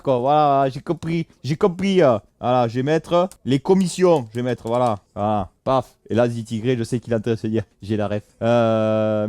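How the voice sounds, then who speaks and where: Joking French streamer, dry close sound. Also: male voice, on the high side, a little mellow, no echo. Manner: jokey, thanks viewers often, slangy asides. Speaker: Twitch streamer. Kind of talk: casual live-stream chat reading viewer messages.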